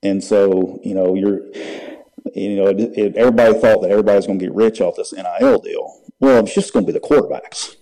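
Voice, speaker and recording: A man in casual sports chat as a guest, halting and repeating phrases. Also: fairly low pitch, warm tone, low-quality recording. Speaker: podcast guest.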